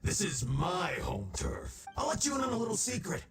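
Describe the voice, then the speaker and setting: A man's voice: high voice, very animated, moderate pace, reverberant, distant mic, soft background music. A man playing a sly, gloating gang villain in a video game, taunting with theatrical drawl. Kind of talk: English video game voice acting.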